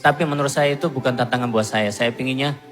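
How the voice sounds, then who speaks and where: A man from Korea stands before a congregation and tells his own story, animated and quick to poke fun at himself. His voice sits at an ordinary middle pitch. It rings out through a reverberant church hall, with soft music faintly underneath. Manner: animated, self-mocking storytelling with laughs. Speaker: testimony speaker at church. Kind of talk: personal testimony to a congregation.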